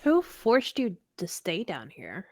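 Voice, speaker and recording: A woman player in a tabletop game, asking calm, direct questions in character. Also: on the low side, slow pace, no echo. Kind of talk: tabletop role-play.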